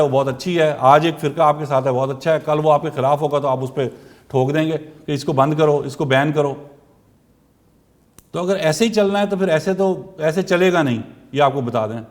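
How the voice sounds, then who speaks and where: A man, delivering a political commentary monologue, firing pointed rhetorical questions. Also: on the high side.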